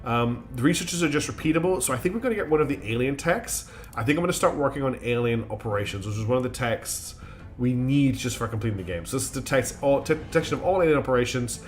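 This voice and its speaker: An expressive man with a medium-pitched voice speaks at a quick pace while streaming a strategy game live. He works through his thoughts aloud in a chatty way, often saying um and starting over, and his nose seems slightly blocked.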